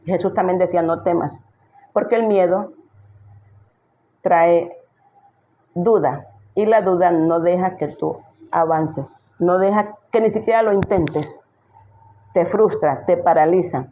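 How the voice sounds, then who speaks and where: A woman's voice: fairly low pitch, measured pace, long pauses, mellow, muffled recording. A woman pastor giving an emphatic sermon, full of rhetorical questions she answers herself.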